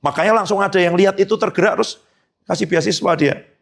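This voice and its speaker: A man's voice: high-pitched, fast talker, creaky. A man preaching a conversational sermon as pastor, rising into emphatic peaks and acting out quoted dialogue.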